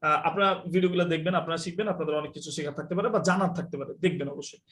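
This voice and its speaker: Man, online teacher, quick explanations, high voice. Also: a bit bright. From Bangladesh. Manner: quick, explanatory, scolds students about mics. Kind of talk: live online class lecture.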